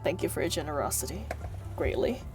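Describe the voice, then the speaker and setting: Her voice sits low and she speaks a little fast in an animated way, with music behind her. She's a live streamer playing a game, giggling as she chats with viewers, thanking them, reading the story text aloud, and exclaiming in playful mock scolding.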